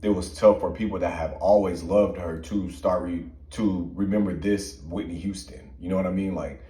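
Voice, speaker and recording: A man's voice: sits low, fairly even intonation, moderate pace, warm tone, reverberant. A man co-hosting a music commentary show, giving earnest, emphatic opinions with plenty of fillers. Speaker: podcast co-host. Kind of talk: casual chat.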